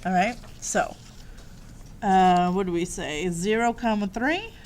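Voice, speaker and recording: A woman's voice: mid-range voice, takes it slowly, a little mellow, a little hiss or hum. A woman teaching a math lesson, upbeat and walking the class through each step.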